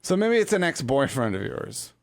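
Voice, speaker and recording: A man's voice: mid-range voice, very animated, normal speed, creaky. A man hosting a podcast in casual chat, blunt and teasing, who swears freely. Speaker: podcast host.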